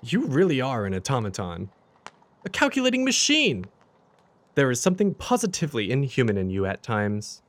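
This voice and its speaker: A man playing a warm-hearted, loyal gentleman doctor in an audio drama, courteous and expressive. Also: medium pitch, normal speed. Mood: exasperated.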